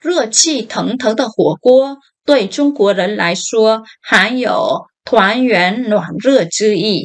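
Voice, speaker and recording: A woman teaching a language lesson, reading each phrase slowly and then explaining it. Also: on the high side, animated. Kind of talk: slow line-by-line language lesson.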